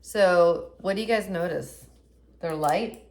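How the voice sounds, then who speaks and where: A woman's voice: fairly low pitch, slow, darkish tone. A woman hosting a casual cooking demonstration in a home kitchen, chatty and upbeat as she talks viewers through each step. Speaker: cooking show host.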